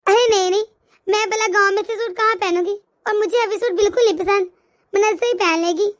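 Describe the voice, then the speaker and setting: A woman's voice: very high-pitched, fairly even intonation, brisk, no echo, clean studio sound. A woman voicing a rich sister-in-law who is cold to her poorer relatives, speaking sweetly but condescendingly. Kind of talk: cartoon voice acting.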